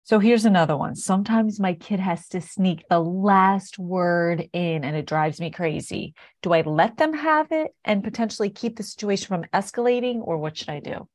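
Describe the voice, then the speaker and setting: A woman hosting an interview who reads out parents' questions and encourages her guest with quick affirmations. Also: medium pitch, darkish tone. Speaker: interview host. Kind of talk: hosted interview.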